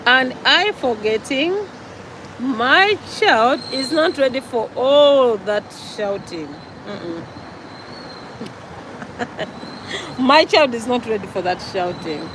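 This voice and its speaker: A Ugandan woman with a Ugandan accent speaks slowly and deliberately in a slightly high voice, repeating her points in an earnest, preachy vlog monologue. She records outdoors by a road, and clear traffic noise runs behind her voice. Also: lively intonation. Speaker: vlogger.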